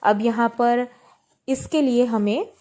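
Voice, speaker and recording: A woman's voice: a little high, slow, warm tone. A woman teacher explaining a textbook lesson, patiently reading example sentences aloud with stress on different words. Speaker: Hindi teacher.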